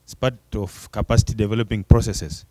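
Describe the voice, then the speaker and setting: A man's voice: lowish voice, level tone, brisk, dark tone, dry recording. A man moderating an event session in an informal, conversational and encouraging way.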